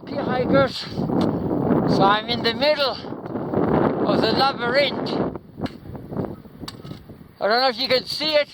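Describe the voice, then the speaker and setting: A man with a very high-pitched voice narrates a casual hiking vlog. He addresses viewers slowly, with a halting delivery. He is outdoors, and wind buffets the microphone. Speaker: vlogger, mountain hiker. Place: outdoors on a high mountain trail. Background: wind noise.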